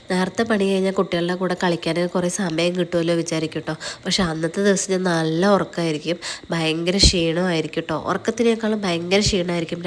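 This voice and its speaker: Brief: woman vlogger, nasal with a cold, quick and flat, teasing home chat, faint hiss behind. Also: on the low side. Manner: chatty, teasing, tags lines with "kētto". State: nasal from a night-time cold. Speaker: vlogger, mother. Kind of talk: casual voice-over narration. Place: home, recorded at night over the footage.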